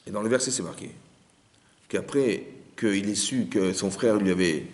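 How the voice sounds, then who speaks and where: A man's voice: fairly low pitch, moderate pace. A man, a rabbi, giving a Torah lesson, telling the story with acted-out dialogue and rhetorical questions.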